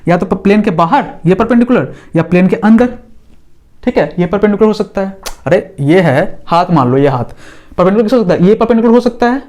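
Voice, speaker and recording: A male physics teacher talks a class through a lesson in a high, easy voice. He draws on the board as he explains. He often pauses to check that everyone understands. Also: animated, a little mellow. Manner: talks while drawing on a board.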